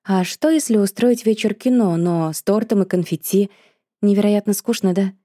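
A woman voicing an impulsive, emotional young woman who speaks up loudly and complains in an audiobook. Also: medium pitch, normal speed, no echo, studio quality, voice pushed up, natural voice. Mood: excitable. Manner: excitable, complaining, raised voice.

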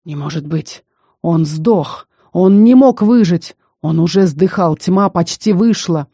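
A woman's voice: lowish voice, lively intonation, unhurried, mellow, no echo, clean studio sound. A woman voicing a scheming male necromancer. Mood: panicked. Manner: mocking, coaxing. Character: menacing male necromancer magister, cruel and scheming.

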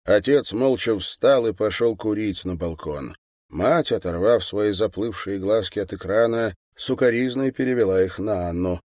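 A man narrating an audiobook in a calm, even reading manner. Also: fairly low pitch, normal speed, no echo, clean studio sound.

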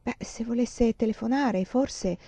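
A woman's voice: fairly high pitch, dark tone, dry recording, voice pushed up. A woman reading an audiobook, voicing a hospital nun who is polite but firm and insistent. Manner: brisk, firm and courteous.

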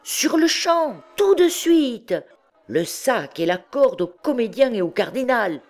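A woman reading an audiobook, voicing a rowdy mob of young male clerks jeering and shouting demands. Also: on the high side, very animated, takes it slowly, pitched above the performer's own voice.

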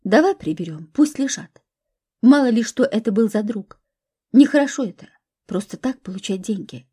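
A woman's voice: on the high side, expressive, moderate pace, warm tone, slightly rough. A woman voicing an anxious, pious elderly grandmother in a storybook reading, with a fretful manner. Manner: fretful, worried.

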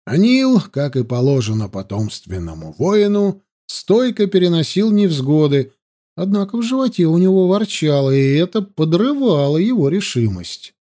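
Male storyteller, expressive narration, warm dark tone, animated delivery. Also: fairly high pitch, normal speed. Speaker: audiobook narrator. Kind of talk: scripted narration.

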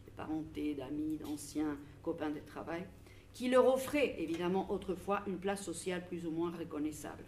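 A woman's voice: fairly low pitch, a little mellow, a little hiss or hum. Argentine woman reading a conference talk. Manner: measured, reads from notes with small restarts. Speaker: researcher presenting at a public debate.

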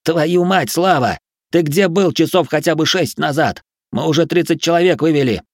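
A man's voice: on the high side, steady tone, normal speed, gravelly, no echo, studio quality, pitched above the performer's own voice. A man voicing an exhausted young militiaman who argues and barks orders in an audiobook. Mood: stubborn shouting. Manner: shouting, curt, commanding.

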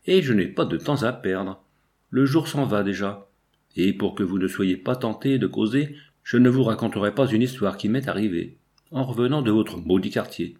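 A man's voice: on the low side, normal speed, a little mellow, lightly acted. A man reading a stern, busy male painter who scolds firmly. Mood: gently stern. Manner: firm and scolding.

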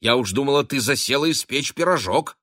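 A man's voice: mid-range voice, animated, brisk, a bit bright, no room sound, clean studio sound, pitched above the performer's own voice. A man voicing a gushing, teasing middle-aged lady of the house who fusses over her ward. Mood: excited gushing. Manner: effusive, fussy, teasing.

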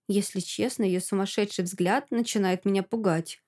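A woman narrating a first-person audiobook in an expressive, dramatic way. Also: medium pitch, normal speed. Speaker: audiobook reader.

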